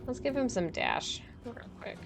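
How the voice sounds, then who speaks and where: A woman's voice: fairly high pitch, huge pitch swings, moderate pace, vocal fry, over music. A woman streaming a game, chatting casually and thinking aloud while she plays, with frequent laughs. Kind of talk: casual gameplay commentary.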